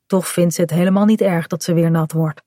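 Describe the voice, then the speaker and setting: A woman's voice: on the low side, steady tone, fairly quick, mellow, no room sound, clean studio sound. Woman reading a children's story. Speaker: narrator.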